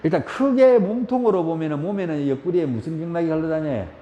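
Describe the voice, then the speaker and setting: A man with a Gyeongsang Korean accent teaching a yoga class, asking questions and acting out shouts. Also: on the high side, fast. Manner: lively, asks the class questions, acts out shouts. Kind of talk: spoken yoga lecture. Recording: roomy hall echo.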